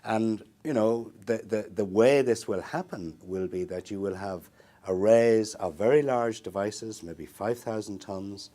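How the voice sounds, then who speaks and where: A marine research interviewee speaks in a low, mellow male voice, a little slowly, from a small indoor interview room. He explains his ideas thoughtfully in long, building sentences, with many fillers and restarts.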